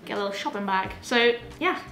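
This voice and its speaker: A woman's voice: medium pitch, animated, fairly quick, background noise. A young woman chatting in a casual vlog, upbeat and talkative. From England. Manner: chatty and upbeat, with frequent laughs. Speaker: vlogger and marathon runner. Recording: echoey room with faint music.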